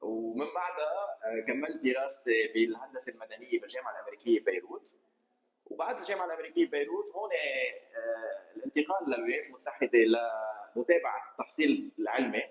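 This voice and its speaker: A man's voice: mid-range voice, expressive, fast, lo-fi sound. A middle-aged Lebanese man from Kesrouan with a Lebanese accent, a podcast guest eagerly explaining his engineering career in detail. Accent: Lebanese Arabic. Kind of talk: casual interview conversation. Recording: roomy studio echo.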